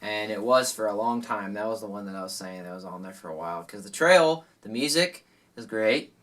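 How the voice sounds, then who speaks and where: A man's voice: lowish voice, a little fast, a bit bright. Young guy co-hosting, laughs a lot, um and uh everywhere, kinda far from the mic. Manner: laughs often, many fillers and restarts. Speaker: co-host. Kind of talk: casual chat.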